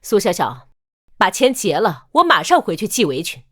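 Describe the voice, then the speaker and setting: A woman's voice: medium pitch, big pitch swings, normal speed, background noise, natural voice. An actress playing a fed-up older mother-in-law standing up for herself, pointed and sardonic, in a melodramatic short drama.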